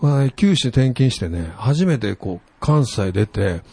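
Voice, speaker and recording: A man speaks with a Kansai accent in a slightly husky voice. His pitch moves around a lot as he tells stories in a relaxed, casual chat, and he draws out the ends of his sentences. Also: dry recording. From Kansai, Japan. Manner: easygoing storytelling, drawn-out sentence endings.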